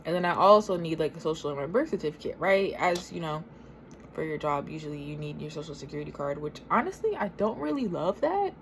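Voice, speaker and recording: A young American woman with a low voice grumbles through a casual, rambling story, swearing freely. She talks with her mouth full as she eats. There is noticeable noise and room ambience behind her. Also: expressive, quick pace. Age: 20s. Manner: talking with mouth full while eating a sandwich. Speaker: vlogger. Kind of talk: casual storytelling while eating.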